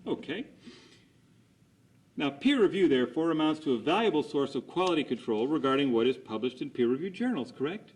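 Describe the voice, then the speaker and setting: A man's voice: fairly high pitch, lively intonation, brisk, a little hiss or hum. A man conducting a cross examination as an attorney, putting formal, methodical leading questions and seeking agreement after each statement.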